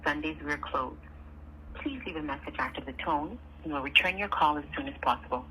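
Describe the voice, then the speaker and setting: A woman reading a recorded business voicemail greeting, heard over a landline phone in an even, scripted way. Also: deep voice, fairly quick, a little hiss or hum, poor audio. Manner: even, scripted announcement delivery. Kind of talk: recorded answering-machine message.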